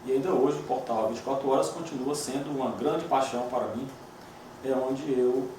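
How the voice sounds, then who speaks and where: Man, journalist recalling his career for a documentary, measured and reflective; distant mic in a very echoey room with a faint hiss. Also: mid-range voice, a little mellow. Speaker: journalist and lawyer. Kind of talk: documentary interview testimony.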